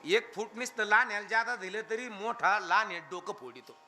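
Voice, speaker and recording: A man preaching a devotional kirtan sermon, animated and firing questions at his listeners, now and then chanting lines of verse. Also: sits high, moderate pace, a little hiss or hum. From Maharashtra, India.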